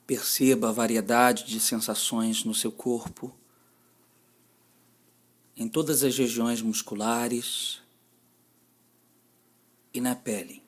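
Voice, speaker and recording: Speaking at a medium pitch in a level tone, a Brazilian Portuguese-accented man guides listeners through mindfulness meditation. His instructions come gently and deliberately, with long silences between them.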